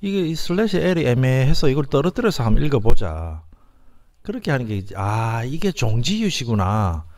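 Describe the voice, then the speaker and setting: A man giving an informal lecture on word origins, repeating words and sounding out syllables slowly. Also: medium pitch, big pitch swings, a little mellow. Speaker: lecturer on language history.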